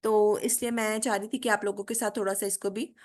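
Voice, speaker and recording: A woman teaching a spoken English lesson in Hindi, enunciating English example words slowly and often asking "theek hai?". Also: medium pitch, little pitch movement, a little mellow. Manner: frequent "theek hai?" check-ins and "uh" fillers. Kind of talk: online spoken English lecture.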